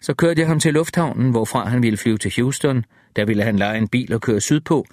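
A man reading a first-person audiobook in a calm, measured, reflective way. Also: mid-range voice, no room sound, studio quality. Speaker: audiobook narrator.

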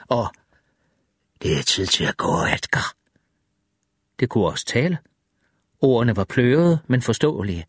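Male audiobook reader, middle pitch, tense and measured, dry booth. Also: dry recording. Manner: tense, measured horror storytelling. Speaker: audiobook narrator. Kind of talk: first-person audiobook narration.

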